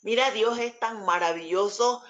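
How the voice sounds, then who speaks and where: A woman's voice: medium pitch, moderate pace, lo-fi sound. A woman giving an earnest personal faith testimony, telling the story with small hesitations as she goes. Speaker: testimony speaker.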